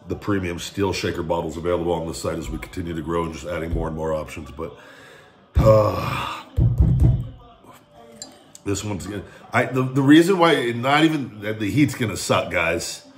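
A middle-aged man chatting casually to camera as a review host, blunt and foul-mouthed. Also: low-pitched. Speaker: host reviewing hot sauce. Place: room at home, indoors.

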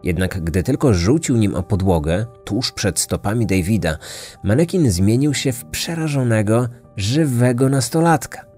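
Guy narrating a true crime podcast, lowish voice, measured and dramatic, faint music under it. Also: lively intonation, a little mellow.

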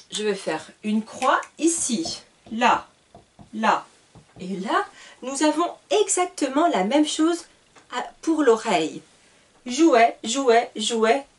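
Slow, patient woman teaching at a whiteboard. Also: on the high side. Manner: patient, spells out letters, corrects herself. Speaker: French teacher. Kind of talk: slow whiteboard grammar lesson. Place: classroom at a whiteboard. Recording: voice a little far from the mic.

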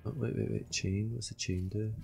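A man's voice: fairly low pitch, fairly even intonation, normal speed, vocal fry, over music. A man with a Scottish accent giving casual live gameplay commentary and chatting to his viewers. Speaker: game streamer.

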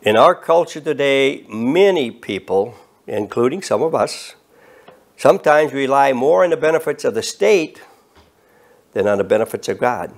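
Gravelly eighty-year-old man preaching. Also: medium pitch, lively intonation. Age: 80s. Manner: earnest, measured preaching with emphatic rises. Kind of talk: sermon. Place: studio set with bookshelves and flags.

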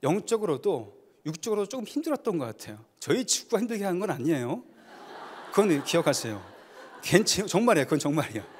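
Male pastor, lively and somewhat high voice, preaching in a church hall with long reverb. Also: fast talker, breathy edge. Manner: storytelling with acted dialogue, emphatic. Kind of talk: sermon. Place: church sanctuary.

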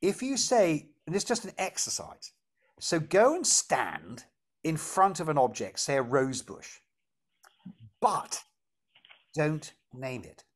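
A man, teaching and explaining a meditation exercise in an animated way, laughing at his own examples. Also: on the high side, takes it slowly, long pauses.

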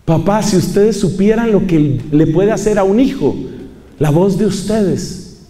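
A man delivers a sermon in a large church hall. His voice sits a little high for a man but sounds mellow and warm. He stresses his points by repeating them and asking the crowd questions, and a long reverb trails behind his words. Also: a little slow. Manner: emphatic, repeats key phrases and asks the audience questions. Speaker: preacher. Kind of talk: sermon to a congregation.

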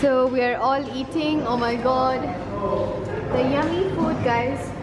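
A woman's voice: high-pitched, steady tone, a little slow. A woman in her twenties from Kenya, chatty and gushing as she reviews restaurant food in a casual vlog. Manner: gushing, chatty, keeps saying "guys". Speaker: food vlogger. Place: large restaurant dining hall, indoors. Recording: echoey hall, camera far off. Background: loud background music.

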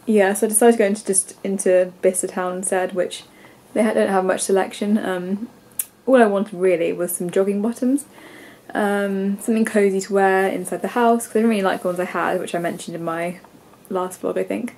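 A young English woman in her twenties, stuffy-nosed and congested, rambles casually to a camera she holds at arm's length in her bedroom, dropping lots of ums and likes. She speaks briskly at medium pitch, in a steady, darkish tone.

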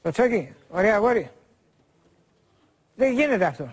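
Earnest Greek man, slightly high voice. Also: big pitch swings, slightly rough. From Greece. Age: 40s. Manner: earnest, repetitive, quotes others at length. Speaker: guest. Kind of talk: rambling confessional chat.

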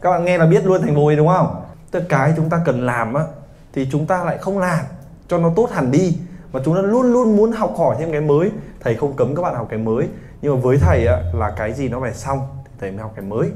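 Man, 30s, from Vietnam, teacher in a classroom, joking, teasing, slightly high, mellow. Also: quick pace. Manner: lively, joking, teasing students. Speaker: English teacher. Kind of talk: classroom lesson.

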